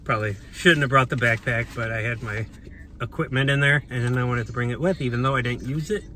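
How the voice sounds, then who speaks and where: A man's voice: medium pitch, fairly even intonation, quick pace, pushed and bright. A man chatting casually as a travel vlogger, rambling with many fillers and restarts. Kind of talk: casual vlog chat. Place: outdoors on town streets. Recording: outdoor street noise with passing cars.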